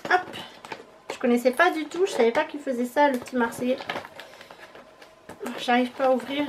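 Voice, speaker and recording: Young female vlogger, high-pitched, casual and halting, faint background noise. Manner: chatty, hesitant, thinking aloud. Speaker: beauty vlogger. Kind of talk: casual unboxing chat.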